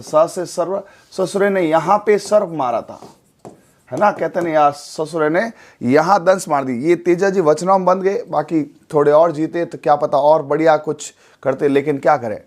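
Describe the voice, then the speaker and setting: A man teaching an exam coaching class in a chatty way, asking and answering his own quick questions and repeating key points. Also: high voice, darkish tone. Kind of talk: classroom lecture.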